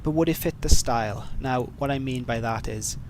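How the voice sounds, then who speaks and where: This streamer, from Wales and heavily accented, reads out viewers' questions and answers them casually, rambling, poking fun at himself and filling gaps with fillers. He has a mid-range voice at a moderate pace over a noisy background.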